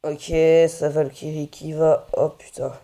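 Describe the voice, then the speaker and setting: Young male gamer, slow unhurried delivery, mumbled running commentary with frequent swearing. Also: fairly high pitch, little pitch movement, mellow. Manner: mutters play-by-play, swears often. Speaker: gaming video creator. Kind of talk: casual gameplay commentary.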